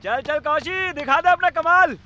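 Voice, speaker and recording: An excited cheering teammate, high and bright, faint film music underneath. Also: male voice, normal speed, highs cut off, heavily acted. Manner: loud cheering and encouragement. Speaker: cricket teammate cheering the bowler. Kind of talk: dubbed film dialogue.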